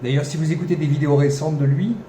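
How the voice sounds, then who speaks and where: A man's voice: a little high, steady tone, fast talker, dark tone. A man hosting a podcast, talking off the cuff with many fillers, restarts and wry ironic asides. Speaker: podcast host. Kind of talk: unscripted commentary monologue. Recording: echoey room, faint background noise.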